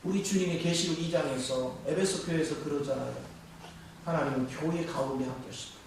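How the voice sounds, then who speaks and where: A man's voice: a little high, a little fast, gravelly, recorded from a distance, noisy background. A man preaching a sermon to his congregation, asking rhetorical questions as he goes. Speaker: pastor. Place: church sanctuary. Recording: echoey church hall, mic from afar.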